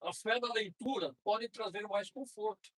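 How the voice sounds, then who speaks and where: A middle-aged Brazilian man lecturing at a spiritist center in a conversational way, slowing down to read prayers aloud. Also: sits high, fairly bright tone, breathy edge, poor audio. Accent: Brazilian Portuguese. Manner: conversational, frequent tag questions, slows to read prayers. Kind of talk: informal spiritist talk.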